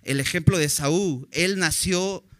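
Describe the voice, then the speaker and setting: A man's voice: on the high side, a little slow. A man preaching a sermon in an earnest, direct way, often putting questions to his listeners.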